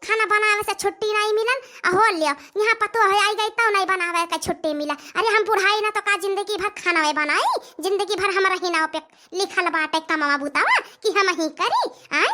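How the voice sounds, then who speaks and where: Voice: extremely high pitch, moderate pace, few pauses, bright, forceful tone. A performer voicing a grumbling, bossy elderly village mother-in-law in an Awadhi cartoon comedy, ranting and scolding. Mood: complaining. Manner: scolding, complaining rant.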